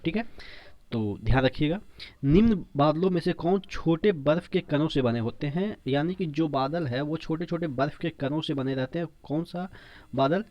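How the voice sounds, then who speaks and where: A man's voice: fairly high pitch, muffled recording. A man teaching an exam-prep science lesson, explaining step by step and repeating points with memory tricks and frequent check-ins.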